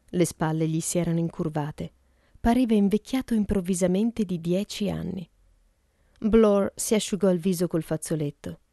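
Audiobook narrator, woman, low and mellow, dry and close. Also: no echo. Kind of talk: scripted narration.

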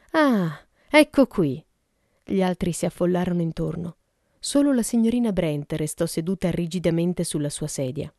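Audiobook narrator, woman, low and mellow, dry and close. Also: no room sound. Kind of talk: scripted narration.

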